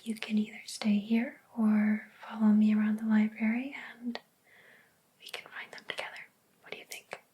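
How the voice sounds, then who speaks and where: A woman whispering slowly and breathily in a soft ASMR whispered role-play as a gentle, helpful librarian. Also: mid-range voice, flat delivery. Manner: slow, gentle, hushed.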